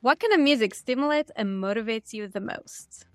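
A woman's voice: fairly high pitch, animated, normal speed, dry recording, soft background music. A woman hosting an interview, reading out scripted questions in an upbeat, structured way. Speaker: interview host.

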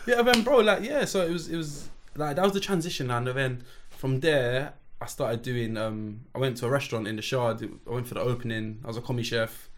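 A young man with a London roadman accent telling stories in casual chat, animated and full of street slang. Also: medium pitch, fairly quick. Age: young adult. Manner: animated storytelling, peppered with slang and "bro". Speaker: chef, guest telling life story.

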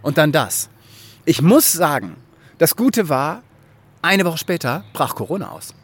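A middle-aged man from Germany, telling a story as a podcast guest. His voice is a little husky and slightly high for a man, and his pitch swings widely as he talks. He acts out quotes and laughs often. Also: big pitch swings, a little slow.

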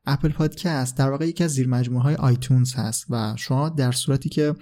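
A man hosts a podcast and explains things in a relaxed, unscripted way, pausing on fillers and correcting himself as he goes. His voice is mellow and warm, sitting at an ordinary middle pitch. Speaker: podcast host. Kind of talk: casual explanatory monologue.

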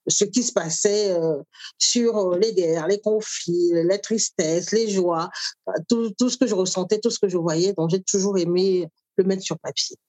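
A middle-aged woman from Cameroon speaks as an interview guest. Her voice sits at a mid pitch, and she talks thoughtfully, pausing often to find her words. The recording is dry and close. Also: darkish tone, dry recording. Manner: thoughtful, with frequent pauses and fillers. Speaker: author and cook, interview guest. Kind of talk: conversational interview.

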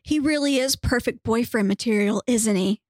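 A woman's voice: a little high, normal speed, dry recording, clean studio sound, lightly acted. A woman voicing a dreamy, gushing young female goblin.

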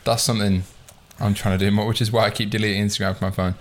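A man's voice: lowish voice, flat delivery, rapid-fire, slight background noise. A man in his twenties hosting a podcast, chatting casually, swearing freely and reflecting on himself. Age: 20s. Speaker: podcast host. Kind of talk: casual chat.

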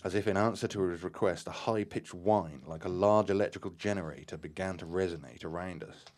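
A man's voice: sits low, fairly quick, darkish tone. A man reading and retelling a story on a podcast, hesitant, with fillers and restarts between passages.

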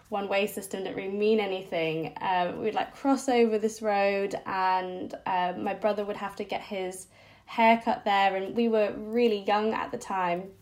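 A woman, a podcast guest recalling her childhood in a reflective, hesitant way with many fillers. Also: mid-range voice. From Singapore-born, raised abroad. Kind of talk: personal storytelling interview.

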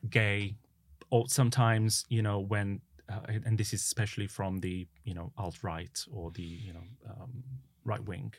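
Thoughtful man, lowish voice. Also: flat delivery, moderate pace, no echo. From Italy. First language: Italian. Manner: thoughtful, many "you know" fillers. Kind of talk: casual conversation.

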